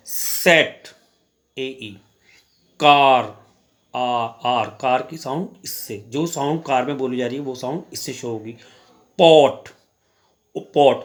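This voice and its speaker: A man teaching a class in Hindi, reading English examples slowly and answering his own questions as he explains. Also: mid-range voice. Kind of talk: classroom lecture.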